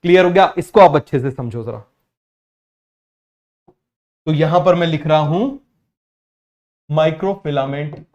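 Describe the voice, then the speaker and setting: High-pitched young male biology tutor, drilling students with quick questions. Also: darkish tone. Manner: keeps asking students if it is clear. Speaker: biology teacher. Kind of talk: online exam-prep class.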